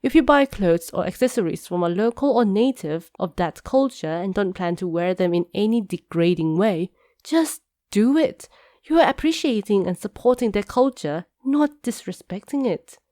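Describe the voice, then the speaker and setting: A woman's voice: medium pitch, animated, normal speed, hardly any pauses, dark tone, dry recording, studio quality. A woman with a congested, nasal voice from a cold, explaining things in a scripted video talk. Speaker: video creator.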